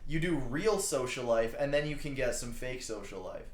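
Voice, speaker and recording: A man's voice: mid-range voice, lively intonation, normal speed. A Canadian man co-hosting a podcast, chatting casually, rambling and laughing often. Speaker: podcast co-host. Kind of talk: casual group chat. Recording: echoey room.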